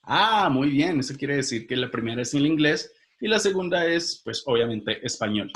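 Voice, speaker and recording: A man's voice: mid-range voice, lively intonation, normal speed, a bit bright. Man explaining step by step. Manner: explains step by step, quizzes viewers directly. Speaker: linguistics teacher. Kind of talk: video lecture.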